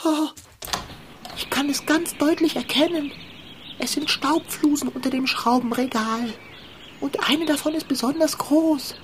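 A woman's voice: high voice, unhurried, noisy background. A woman voicing a fat, anxious, fussy pet tomcat in a radio play, theatrical and easily frightened. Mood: nervous.

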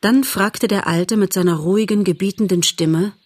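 A woman narrating an audiobook in a calm, measured storytelling manner. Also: mid-range voice.

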